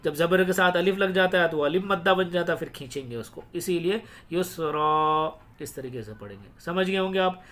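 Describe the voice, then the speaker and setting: A man teaching Quran reading in a recorded lesson, explaining the rules patiently and then spelling out words slowly, syllable by syllable. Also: high voice, a bit bright.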